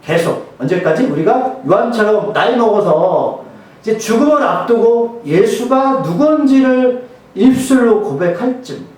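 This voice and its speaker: A man's voice: high voice, expressive, a little slow, darkish tone. A male pastor preaching a sermon in a church. He talks casually, makes jokes, and keeps asking the congregation questions. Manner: joking, conversational, many rhetorical questions. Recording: very echoey hall, mic far off.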